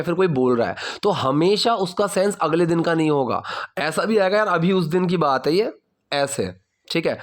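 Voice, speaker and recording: A man with an Indian accent explaining English in a casual lesson, saying example sentences slowly and checking in with his listeners often. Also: a little high. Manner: slow, careful model phrases; checks in often with "theek hai?". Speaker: English teacher.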